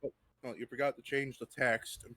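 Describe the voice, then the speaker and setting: A man's voice: medium pitch, little pitch movement, moderate pace, sharp tone, no echo. A man joining a group reading, joking and giggling with friends. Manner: playful, giggly. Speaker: reading participant. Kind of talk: casual chat.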